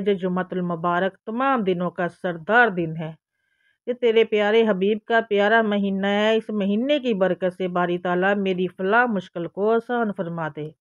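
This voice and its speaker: A woman's voice: medium pitch, no room sound, dull audio. A woman with a Pakistani Urdu accent hosting a religious channel, explaining a devotional routine step by step and speaking straight to her viewers. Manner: addresses viewers directly, repeats instructions step by step. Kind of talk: instructional religious talk.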